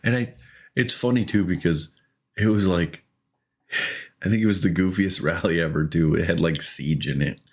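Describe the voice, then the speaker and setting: A gaming streamer casually comments on his own gameplay, laughing often and excitably acting out what he said in the moment, quoting his own self-talk. His voice sits low with a breathy edge, at normal speed with long pauses.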